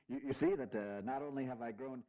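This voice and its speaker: A man playing a dignified, fatherly aging general, giving stirring, deliberate and sometimes halting oratory in a historical audio drama. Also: mid-range voice, warm tone, close to an everyday voice. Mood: gentle, fatherly. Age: older.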